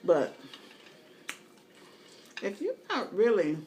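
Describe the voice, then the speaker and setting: A woman's voice: mid-range voice, huge pitch swings, very slow, dark tone, slight background noise. A middle-aged woman eating as she talks, telling candid, colloquial stories in a casual mukbang chat. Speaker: mukbang vlogger.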